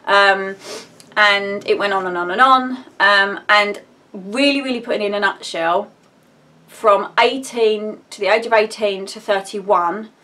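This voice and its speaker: A woman's voice: mid-range voice, unhurried, pushed and bright. A woman in her thirties with an Essex accent, talking casually to her viewers in a personal vlog, rambling from one subject to the next with lots of ums. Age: 30s. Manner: rambling, chatty, jumps between subjects with many ums. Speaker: vlogger. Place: indoors at home.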